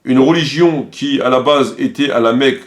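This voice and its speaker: A man presents a video in a mid-range voice at normal speed. His commentary is argumentative and accusatory, and he stresses his points by insistently repeating phrases.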